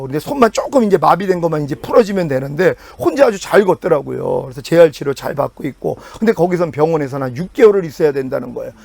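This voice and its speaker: Male pastor, middle-aged, high lively voice with gravel, preaching with big swings, dry sound. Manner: animated preaching with sudden pitch jumps and quiet drops. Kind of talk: sermon.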